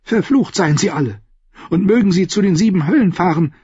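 A man's voice: expressive, a little fast, warm tone, breathy edge, no room sound, highs cut off, heavily acted. Man voicing a defiant, frightened young queen. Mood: indignant. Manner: shrill, rising outbursts. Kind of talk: audiobook dialogue.

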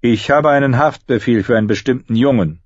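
A man voicing a haughty city-watch officer in an audiobook, curt, loud and commanding. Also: mid-range voice, fairly quick, dry recording, dull audio, pitched above the performer's own voice, natural voice.

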